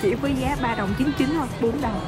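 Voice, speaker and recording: Speaking at a moderate pace in a high-pitched voice, a young woman with a Southern Vietnamese accent vlogs her trip to an outdoor shopping mall. She films herself at arm's length and talks enthusiastically to viewers, with music under her voice.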